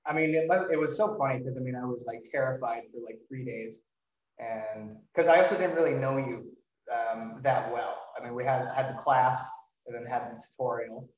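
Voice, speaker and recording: A man's voice: mid-range voice, moderate pace. Guy hosting a casual podcast chat, rambly and hesitant, really echoey room, far from mic. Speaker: podcast host. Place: indoors, in-person podcast recording. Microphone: microphone at some distance, no windscreen. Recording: echoey room, distant mic, dull sound.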